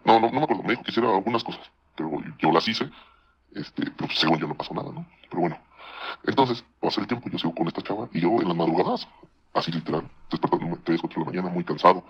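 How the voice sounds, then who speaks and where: A man with a Mexican accent telling a personal story in casual podcast chat, speaking rapidly and conversationally. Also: low voice, slightly rough, highs cut off. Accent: Mexican Spanish. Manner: rapid, conversational, slips into voices for quoted people.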